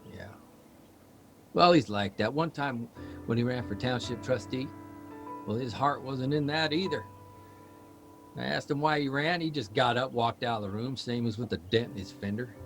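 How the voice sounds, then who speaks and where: In a live audio drama, an actor plays a restless, self-doubting male writer who rambles and halts as he questions himself, in a wry, exasperated mood. His mid-range voice is a bit bright and lightly acted, with faint music behind him.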